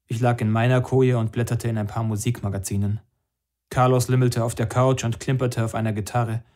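A man's voice: mid-range voice, a little mellow. Dry male audiobook narrator. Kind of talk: first-person story narration.

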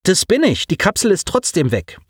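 A nervous teenage boy voiced by a man sits very high in pitch and keeps firing fretful, anxious questions. His lines sound dry and close. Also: huge pitch swings, normal speed, husky, no echo, full character voice.

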